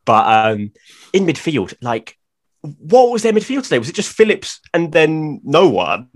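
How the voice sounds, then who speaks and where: Casting: lively male co-host, blunt opinions, quick laughs, pitch swinging up and down. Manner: animated, blunt, laughs often. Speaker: podcast co-host. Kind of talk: casual football chat.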